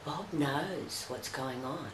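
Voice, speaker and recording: Woman, low voice, hesitant commentary, echoey noisy room. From Australia. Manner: halting, full of fillers and restarts. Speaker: video commentator. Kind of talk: casual commentary.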